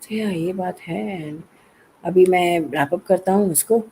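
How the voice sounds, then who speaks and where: Man, livestream host, casual group chat, relaxed, repetitive, warm dark tone, faint hiss. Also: sits high, measured pace, poor audio. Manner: relaxed, mixes Hindi and English, repeats himself. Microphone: video call setup.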